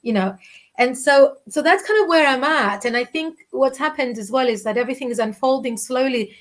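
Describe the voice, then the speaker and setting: A children's author from Cyprus, in her forties, joins an interview as a guest over a webcam video call from her living room. Her Cypriot Greek-accented voice is high and fairly quick. She speaks candidly and reflectively, often breaking off to restart sentences amid many fillers.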